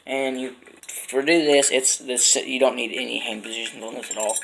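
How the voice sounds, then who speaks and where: Gravelly, low-voiced man giving a lesson. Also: steady tone, moderate pace, a bit bright, a little hiss or hum, rough recording. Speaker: instructor demonstrating duck and goose calls. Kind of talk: informal instructional demonstration.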